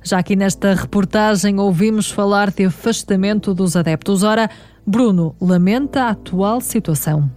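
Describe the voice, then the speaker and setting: A woman's voice: medium pitch, normal speed, darkish tone. A woman with a European Portuguese accent reads a scripted feature as a reporter. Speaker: reporter and interviewer.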